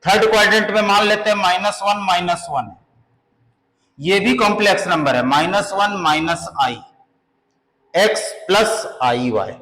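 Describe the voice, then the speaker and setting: A man's voice: high voice, unhurried, fairly bright tone. A man teaching a maths lesson who explains step by step and keeps asking the class rhetorical questions, mixing into his talk. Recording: echoey room.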